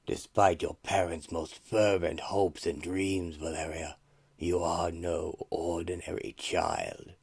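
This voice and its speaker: A man voicing an imperious armored villain sorcerer in a comic-book radio play, slow, pompous and eldritch, with breathy menace. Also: low-pitched, steady tone, darkish tone, dry recording, studio quality, full character voice. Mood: cold menace.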